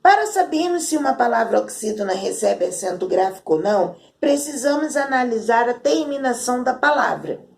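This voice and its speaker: Brazilian woman teacher, slow and drawn-out, a bit high and gravelly, online lesson for children. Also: expressive, darkish tone. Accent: Brazilian Portuguese. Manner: slow, drawn-out words read aloud one by one.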